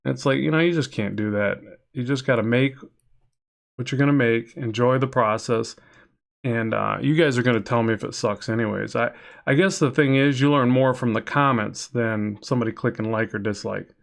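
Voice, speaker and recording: While sketching live, a comic artist chats loosely with his audience, reads the chat out loud, and rambles along. His voice is nasal and gravelly, at medium pitch and normal speed.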